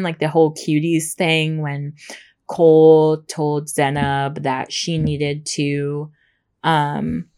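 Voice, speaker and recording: A woman podcast host giving a casual, rambling, chatty recap in informal speech, with soft R's that come out close to W. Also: low-pitched, clear, resonant tone. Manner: rambling, gushing informal talk with frequent "like" and "super".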